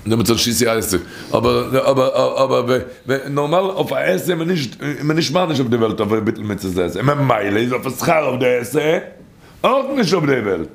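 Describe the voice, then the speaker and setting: A man's voice: medium pitch, lively intonation, fairly quick, vocal fry. A man telling a story and teaching from a midrash in an informal, rambling way, often repeating phrases and restarting.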